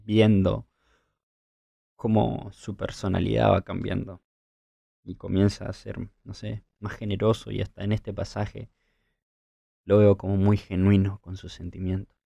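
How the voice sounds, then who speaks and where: Give me a male podcast host with a dark, gravelly voice giving thoughtful, reflective religious talk. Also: on the low side, dry recording. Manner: thoughtful storytelling with occasional chuckles.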